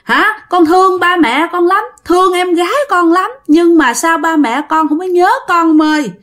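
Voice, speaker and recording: Brief: woman doing a small ghost girl, childlike and pleading, high voice, Southern Vietnamese accent, storytelling. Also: expressive, moderate pace, a bit bright. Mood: tearful pleading.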